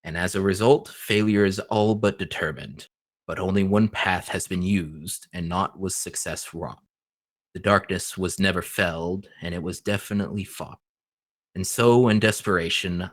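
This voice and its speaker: A man voicing an otherworldly angelic oracle, reciting a solemn, measured rhyming prophecy in a tabletop game. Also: deep voice, no echo, clean studio sound. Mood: solemn, portentous. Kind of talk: tabletop game role-play.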